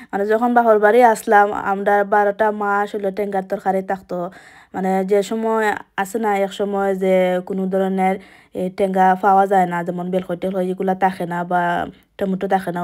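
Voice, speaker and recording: Chatty Sylheti woman, flat steady voice. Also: mid-range voice. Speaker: vlogger. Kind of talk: casual home vlog narration. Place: home kitchen.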